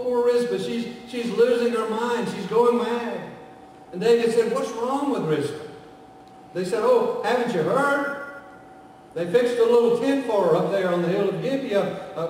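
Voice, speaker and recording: An older guest preacher with a Southern American accent delivers a dramatic storytelling sermon from the pulpit of a medium-sized church, voicing the characters he quotes and swinging from loud to hushed. His voice is high, and a far camera plus pulpit mic capture echoey sound with slight background noise.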